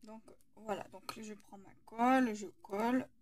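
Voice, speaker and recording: Woman, slight lisp, unhurried delivery, thinking aloud, hands-on tutorial host. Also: fairly high pitch, steady tone. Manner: hesitant, thinking aloud as she works. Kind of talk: casual hands-on tutorial narration.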